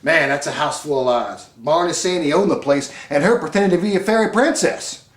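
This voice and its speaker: A redneck spills neighborhood gossip at a rapid clip , as a man acts him out. His voice sits a little high and comes from some distance in an echoey room. He talks in folksy, ungrammatical rambles. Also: lightly acted. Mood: scornful. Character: gossiping redneck man in court-ordered therapy. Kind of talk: comedic web series acting.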